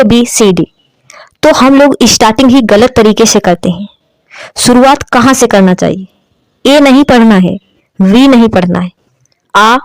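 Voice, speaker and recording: A woman's voice: on the high side, a little mellow, no room sound, poor audio. A woman from India giving an online English lesson as teacher, drilling sounds with repeated questions and answers.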